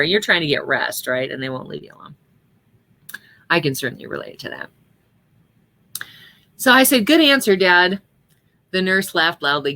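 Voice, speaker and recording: At a memorial service, a middle-aged woman with a low, sharp voice reads a personal story aloud in an earnest storytelling manner, lightly acting out the dialogue before reflecting on it.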